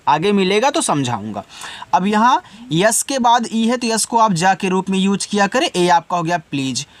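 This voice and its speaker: A man teaching English words letter by letter, spelling slowly, then explaining patiently and answering his own questions. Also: sits high, dry recording. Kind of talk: Hindi-language spelling lesson.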